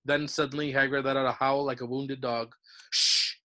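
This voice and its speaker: Bright-voiced man reading aloud. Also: mid-range voice, flat delivery, a little fast. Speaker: teacher reading to his class.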